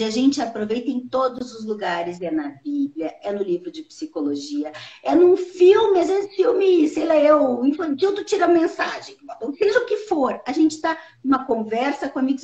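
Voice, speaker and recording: High-voiced woman hosting a live chat. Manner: lively, swoops widely in pitch while explaining. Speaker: live show host. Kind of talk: casual live-stream conversation. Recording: roomy, slightly dull live-stream audio.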